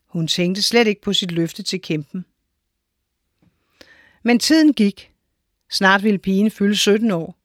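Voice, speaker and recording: A woman reading a children's story aloud in a clear, measured storytelling manner. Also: mid-range voice, no echo, clean studio sound. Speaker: narrator.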